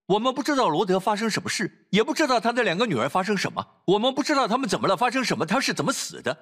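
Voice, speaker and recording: A male pastor preaching a sermon, reading scripture and exhorting parents, swinging between loud urging and low quiet asides. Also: sing-song, rapid-fire.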